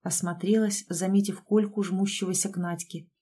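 A woman narrating a first-person audiobook story in a brisk, wry manner, voicing the dialogue herself. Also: medium pitch, steady tone, warm tone, slightly rough.

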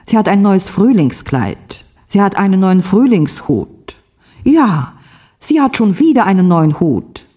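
A woman reading the part of a jealous wife, vain about her taste and quick to protest. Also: medium pitch, very animated, mellow, breathy edge. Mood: sulky. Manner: indignant, exclamatory.

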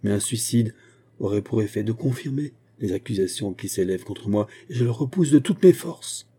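Man doing a defiant young woman, earnest and emphatic, still dark and husky underneath, storybook. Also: on the low side, animated, normal speed. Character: young wrongly accused woman, proud and defiant.

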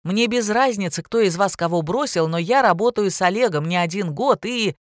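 A woman reading an audiobook, voicing a gruff male acquaintance on the phone who talks bluntly and unfriendly. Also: mid-range voice, normal speed, no echo, clean studio sound, natural voice. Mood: curt. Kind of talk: audiobook character voice.

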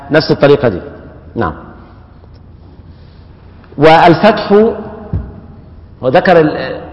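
Egyptian male teacher, slightly high voice, patient repeating lecture style, dull lo-fi hall recording. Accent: Egyptian Arabic. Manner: explains slowly, repeats terms, checks in with "yes". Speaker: Quran recitation teacher. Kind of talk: classroom lecture on recitation rules. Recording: echoey hall, dull lo-fi sound.

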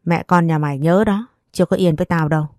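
A cruel, domineering older mother-in-law barks her orders in a harsh, low voice voiced by a woman narrator. The tone stays warm and mellow, and the dry sound has faint music under it. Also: quick pace, dry recording, lightly acted. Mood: threatening. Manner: harsh, bossy.

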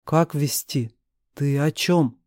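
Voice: mid-range voice, slow, a little mellow, no room sound, clean studio sound, close to an everyday voice. A reader voicing an indignant young woman heroine who protests against accusations in an audiobook.

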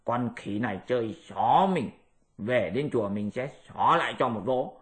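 A lazy pig-monk who grumbles, whines and schemes in a mid-pitched, everyday voice, as a male storyteller puts him on. He complains about every chore and plots small revenges. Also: lively intonation, moderate pace, natural voice. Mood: scheming.

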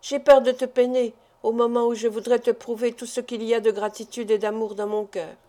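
A woman's voice: fairly high pitch, level tone, brisk, mellow, close to an everyday voice. A woman reading an audiobook, voicing a timid, loving young fiancée who pleads with hesitation and embarrassment. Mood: hesitant.

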